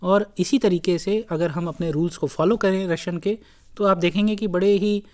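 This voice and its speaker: A lecturer giving a recorded lesson, speaking deliberately in short broken phrases and repeating key words. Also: mid-range voice, fairly even intonation. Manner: slow, deliberate, breaks phrases into short pieces. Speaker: language lecturer.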